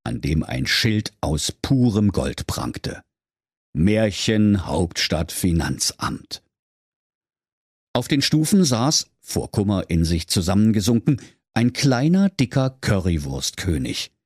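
A man narrating a comic fairy tale for children in a lively, playful way. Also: on the low side, unhurried, breathy edge, no room sound, clean studio sound. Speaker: storyteller.

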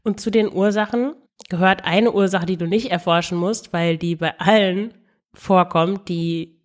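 Solo podcast host, woman, lowish voice, calm and explanatory, talks directly to the listener, restarts her phrases. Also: unhurried. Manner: frequent self-corrections and restarts. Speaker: podcast host and weight coach.

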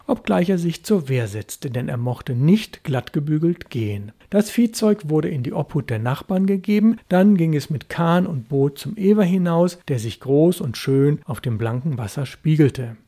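A man narrates a classic novel in a measured, unhurried reading. His voice sits a little high for a man, with a dark, mellow softness to it. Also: vocal fry. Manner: measured storytelling. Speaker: reader. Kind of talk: literary reading.

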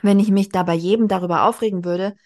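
A woman reading aloud as a defiant teenage girl who snaps at her mother, in a sharp tone. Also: medium pitch, steady tone, quick pace, close to an everyday voice. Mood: irritated. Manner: sharp, snappy.

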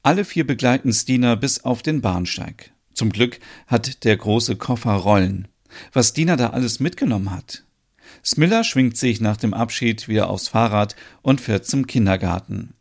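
A man narrating his own podcast soap opera in a calm storytelling manner. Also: on the low side, unhurried, creaky. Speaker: narrator and creator.

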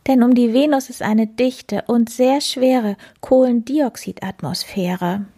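Lady putting on a chatty cartoon cat, squeaky high and bouncy, kinda breathy. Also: slow pace, warm tone. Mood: thoughtful. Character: chatty excited female cat, curious and bubbly.

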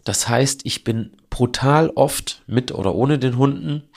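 A man in his early forties hosts a casual, chatty, self-deprecating solo podcast. He has a cold, so his mid-range voice comes out nasal, honking, and congested, and he speaks a little slowly.

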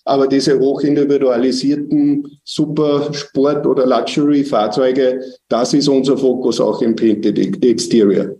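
A man, a company executive giving measured, technical answers in a business interview. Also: mid-range voice, steady tone, dark tone, reverberant, recorded from a distance.

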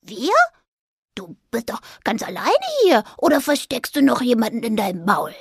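A woman voicing a friendly, chatty male squirrel in a children's story, talking in a lively, helpful way. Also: fairly high pitch, normal speed, vocal fry, slightly rough, no room sound, studio quality, exaggerated voice.

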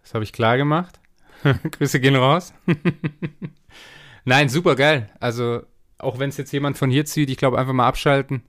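A man's voice: mid-range voice, fairly even intonation, a little fast, a bit bright. A man co-hosting a podcast prize draw, chatting casually in a slangy, jokey way. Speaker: podcast co-host drawing prize winners.

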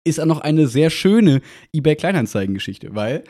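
A man hosting a podcast in casual chat, telling a story with lively acted-out dialogue. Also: on the high side, normal speed. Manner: animated anecdote telling, acting out quoted dialogue. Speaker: podcast host.

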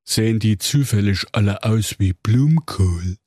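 A man voicing a bored fairy-tale hotline clerk who talks in a flat, bureaucratic drawl. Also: fairly low pitch, unhurried, husky, dry recording, clean studio sound.

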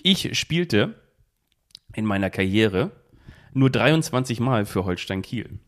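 A man hosting a relaxed football podcast, quizzing his co-host. He phrases each clue in the first person as the mystery player and lists clubs and career stats. He talks into a phone held close to a device. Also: lowish voice, slow pace. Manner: poses riddles speaking in first person as footballers. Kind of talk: casual football quiz chat.

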